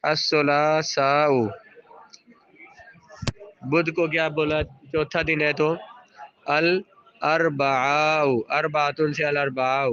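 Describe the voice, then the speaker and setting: A man teaches a grammar lesson, parsing each sentence step by step. His voice is fairly high and bright, with a flat, steady tone. He keeps quizzing students and patiently repeats their answers. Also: muffled recording.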